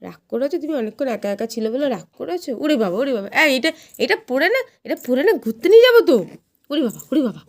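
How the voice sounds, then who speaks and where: Casting note: a woman, a fairly high voice, cooing baby talk to a pet. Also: big pitch swings, quick pace. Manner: coaxing, cooing, repeating words. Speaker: vlogger talking to her pet rabbit.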